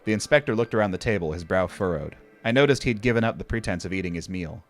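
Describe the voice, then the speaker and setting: A man's voice: sits low, fast talker, soft background music. An older man gives scripted horror story narration in a wry, conversational and occasionally profane manner.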